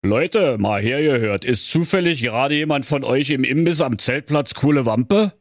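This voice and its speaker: A man's voice: mid-range voice, expressive, moderate pace, dry recording, clean studio sound, voice pushed up, lightly acted. A man voicing a scheming male Mettigel in a comic radio fairy tale, with a Berlin accent and a smug, slangy way of talking. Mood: sly.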